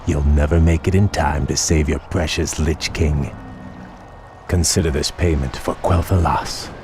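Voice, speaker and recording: A man's voice: a bass voice, fairly even intonation, unhurried, music in the background. A man voicing a proud elven prince in a fantasy game, cool and vengeful, with an aloof, formal, taunting manner.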